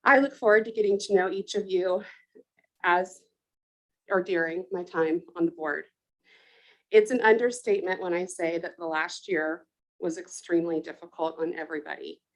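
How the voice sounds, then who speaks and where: A woman's voice: lowish voice, rough recording. A woman board director giving a heartfelt, earnest address to teachers and staff at a public meeting.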